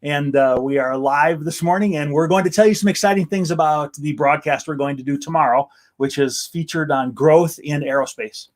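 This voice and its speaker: A man's voice: a little high, normal speed, few pauses. An American man hosting a casual, enthusiastic live-stream chat outdoors in a backyard. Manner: upbeat, enthusiastic. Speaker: host.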